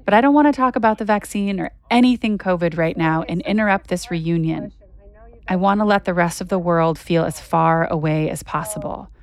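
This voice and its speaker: A woman's voice: fairly low pitch, brisk. A woman hosting a podcast, narrating a personal story in a reflective, intimate way.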